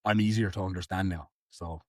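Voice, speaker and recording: A young Irish man from Tipperary chatting casually on a podcast, animated and swearing freely. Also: deep voice, brisk, dry recording, studio quality. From Ireland. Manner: animated, swears freely, does impressions of accents. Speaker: podcast host. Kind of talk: casual chat.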